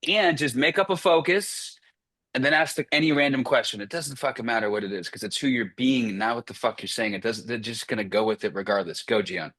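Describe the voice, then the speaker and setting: A man's voice: medium pitch, fairly bright tone, no echo. Blunt, profane male sales coach. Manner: blunt, profane, rapid-fire commands. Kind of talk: live group coaching call.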